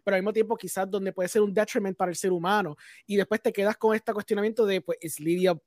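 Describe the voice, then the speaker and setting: Man, Spanglish, rapid casual film commentary, dry sound. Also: high-pitched, fairly even intonation, darkish tone, no room sound. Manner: Spanglish, mixing English words into Spanish. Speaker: host of a film discussion.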